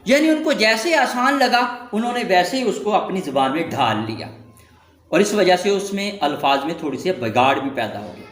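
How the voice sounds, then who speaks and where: A man teaching a lesson in scripted narration, reading out lists of words slowly and stressing each one. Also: sits high, sing-song, fairly bright tone, roomy sound. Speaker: Quranic Arabic teacher.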